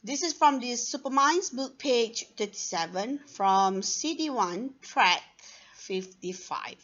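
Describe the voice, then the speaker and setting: A woman teaching an online class for young children, speaking slowly and clearly and saying "okay" often. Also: on the high side, lively intonation, a bit bright. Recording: dull lo-fi sound.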